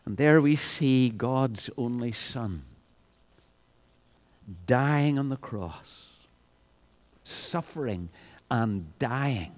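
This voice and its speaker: A man preaching an evangelistic sermon, often repeating words as he starts a phrase and rising to loud peaks. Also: mid-range voice, animated, extremely slow, pauses often.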